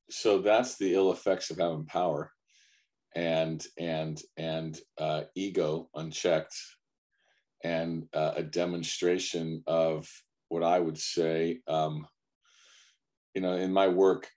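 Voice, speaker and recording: A man's voice: deep voice, flat delivery, slow, a little mellow. A man from the United States, a guest coach in a conversational interview, speaking earnestly and repeating phrases for emphasis. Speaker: guest, men's culture coach.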